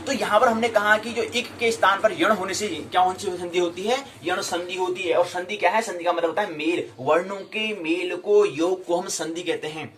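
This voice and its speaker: Guy teaching sanskrit, repeats sounds over and over, bit of a higher voice, faint hiss behind. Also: fairly even intonation, a bit bright. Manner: drills recitation, repeats words slowly for practice. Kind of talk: classroom lecture.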